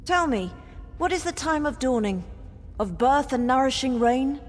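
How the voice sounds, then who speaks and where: A high-pitched, expressive woman's voice at a moderate pace performs a solemn, ancient female spirit guardian speaking cryptic riddles with ceremony in a fantasy game. The delivery is theatrical game dialogue. Cavernous long reverb and background noise surround it.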